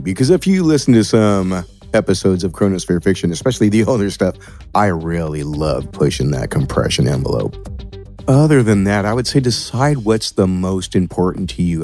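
A low, darkish male voice belongs to an American podcast producer and audio editor from California. Appearing as a guest on a podcast, he explains how he works in a casual, playful, laid-back and colloquial way.

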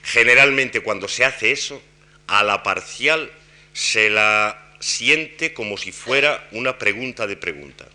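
A man giving an academic lecture on grammar and intonation, explaining in a measured way with frequent pauses. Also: mid-range voice, pushed and bright. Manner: demonstrates intonation patterns by voicing example questions.

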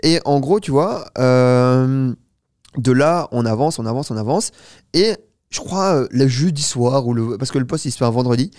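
Fast, lively and heavy with fillers and "tu vois" ("you see"), a young startup founder in his twenties tells a long story as a guest in a casual interview. The mid-range voice is studio quality, with no echo.

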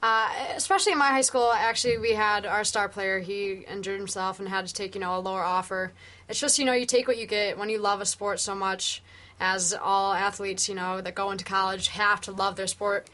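A woman's voice: mid-range voice, steady tone, fairly quick, pushed and bright. A young woman on a radio panel, talking earnestly with lots of fillers. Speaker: studio guest panelist.

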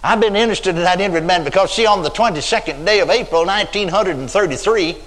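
Here the older preacher talks fast, his Texan-accented voice sitting high with a fairly bright tone. He dramatizes stories and lingers on emphatic words as the church hall's long reverb rings out.

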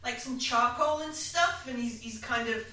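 A woman running a tabletop game as game master, improvising descriptions in a halting way. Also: a little high, bright, forceful tone. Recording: very echoey room, distant mic, music.

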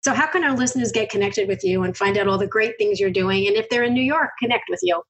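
A middle-aged woman hosts an interview in a casual, chatty way. Her voice is husky, and her stories jump up in pitch when something surprises her. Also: quick pace, low-quality recording. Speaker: podcast host.

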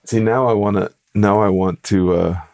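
A man's voice: lowish voice, fairly even intonation, moderate pace, a little mellow. A man co-hosting a podcast, telling stories in a casual, upbeat and playful conversational way. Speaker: podcast co-host.

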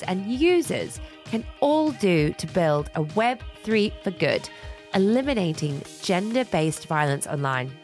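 A woman with a lowish voice hosts a podcast, reading a scripted introduction and then enthusiastically asking interview questions.

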